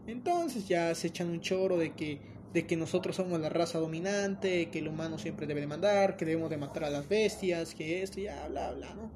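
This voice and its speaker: A man's voice: on the high side, moderate pace, few pauses, noisy background. Joking Mexican man recapping a film. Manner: joking, animated storytelling with many fillers. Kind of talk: casual recap.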